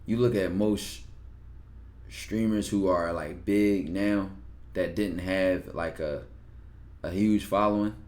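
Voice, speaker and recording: A man's voice: low voice, steady tone, slow, pauses often, a little mellow. A man hosting a live stream and taking callers, talking bluntly and loosely, with swearing and rhetorical questions. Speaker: streamer hosting call-ins. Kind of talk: casual live-stream chat.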